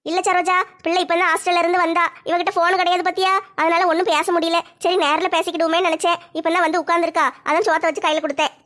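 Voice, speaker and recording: A bossy, thrifty village mother, played by a woman, talking quickly in a very high voice. She scolds and tells stories bluntly, teasing those around her in a homemade comedy skit. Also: little pitch movement, fairly bright tone.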